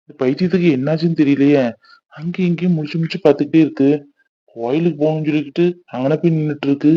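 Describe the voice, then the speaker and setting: A man's voice: on the high side, steady tone, rapid-fire, highs cut off, natural voice. A man voicing an irritable young son in his twenties who grumbles and mocks, in a cartoon. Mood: grumbling. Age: 20s. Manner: sarcastic, grumbling, impatient. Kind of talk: cartoon voice acting.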